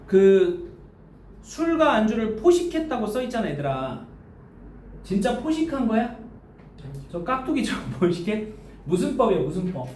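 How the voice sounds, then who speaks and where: Lively, high-pitched male teacher in an echoey classroom. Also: moderate pace, pauses often. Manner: lively, questioning students, casual speech. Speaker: high school Korean teacher. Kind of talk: classroom lecture. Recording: echoey classroom from a distance with faint noise.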